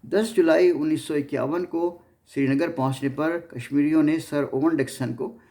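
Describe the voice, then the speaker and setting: A man with a Pakistani accent narrates history informally as a series host, often stumbling and saying words twice. His warm voice sits on the high side, moving at normal speed with fairly even intonation.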